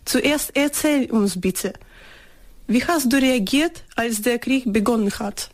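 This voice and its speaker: A woman interviewer asking her guest questions in a calm, steady way. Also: on the high side, slow.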